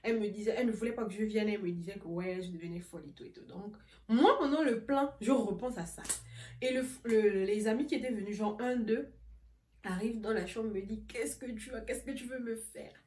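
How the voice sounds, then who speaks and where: Une jeune femme qui raconte une anecdote sur un ton familier et animé, en riant souvent. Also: female voice, mid-range voice, brisk. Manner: animated, laughing often while telling. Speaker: vlogger. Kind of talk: casual storytime. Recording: roomy echo, voice a bit far from mic.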